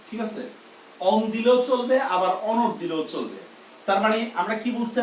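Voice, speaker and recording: A man's voice: sits high, roomy sound, recorded from a distance, a little hiss or hum, poor audio. A man teaches a grammar lesson live. He explains step by step and keeps asking whether the class understands.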